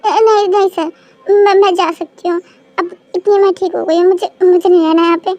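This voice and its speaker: A high-voiced reader doing a tearful, stammering college girl. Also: steady tone, brisk, darkish tone, no room sound. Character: tearful shy young female college student. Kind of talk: fan-dub audio drama.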